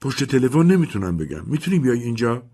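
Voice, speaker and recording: A high-strung, frightened woman in a spoken-word story, as a male narrator puts her on, her voice pushed well up into a thin, pleading register. The tone has a husky edge, and her pitch swings wildly between tense pleading and shrill outbursts. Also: very animated, mellow. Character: frightened, volatile middle-aged woman. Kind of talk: audiobook character voice.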